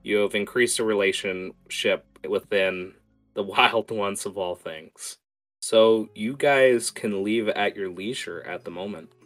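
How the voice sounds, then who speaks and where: A man working as game master, improvising narration for a tabletop game in a casual, halting way and prompting players. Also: fairly low pitch, fairly bright tone. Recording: music playing behind.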